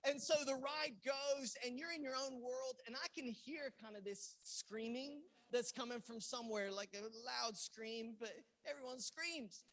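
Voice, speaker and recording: A male pastor from England preaching a sermon, telling a personal story and acting out the dialogue with sudden loud bursts. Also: very high voice, a little slow, hardly any pauses. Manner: animated storyteller who acts out quoted lines with loud outbursts. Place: church in Los Angeles.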